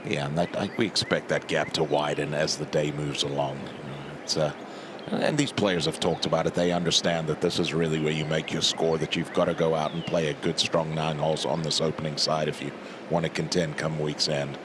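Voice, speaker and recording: A man giving live golf commentary as an analyst, in measured, short clipped phrases. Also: a bass voice, little pitch movement. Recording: outdoor broadcast with clear background noise.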